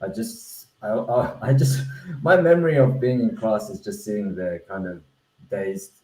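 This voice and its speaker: Over a video call with a roomy echo, a mellow-voiced Australian man with a lowish voice speaks at normal speed. He's a founder presenting his language-learning platform in an online webinar. Korean is his first language, and he comes across as earnest, often restarting sentences and using fillers.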